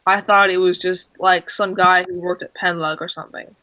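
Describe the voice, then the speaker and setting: A man co-hosting a stream, telling a casual story with many restarts and fillers, and acting out the dialogue with excitement. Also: high-pitched, normal speed, poor audio. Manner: acts out quoted dialogue excitedly. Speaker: stream co-host.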